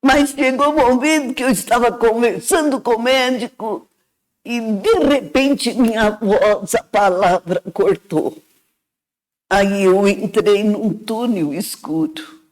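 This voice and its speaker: An earnest Brazilian woman shares her own story as a radio guest. She talks at an unhurried, deliberate pace, reflective in tone and often adding "né" as she goes. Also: fairly high pitch, a little mellow, rough recording. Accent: Brazilian Portuguese. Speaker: guest sharing a personal testimony. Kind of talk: emotional first-person storytelling.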